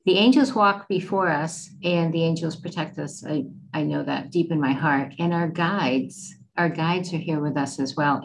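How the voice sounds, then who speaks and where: A middle-aged woman hosting an online event and introducing speakers in an informal way. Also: deep voice. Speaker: host and moderator. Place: indoor room with plain wall. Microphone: video call. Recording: faintly noisy video call audio.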